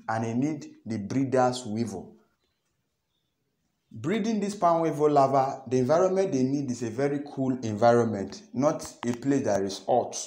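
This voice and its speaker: A young man with a Nigerian accent talks to the camera in a small room, patiently explaining and often saying things twice. His voice sits at an ordinary pitch. The room adds a noticeable echo. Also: a little mellow. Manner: repeats phrases, earnest and explanatory. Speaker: farming channel host. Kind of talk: instructional vlog talk to camera.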